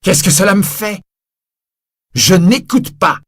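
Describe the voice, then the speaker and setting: A man voicing a harsh, mocking police inspector who shouts and sneers. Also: sits high, expressive, slow pace, breathy edge, dry recording, clean studio sound, pitched above the performer's own voice, full character voice. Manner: loud, sneering, laughing.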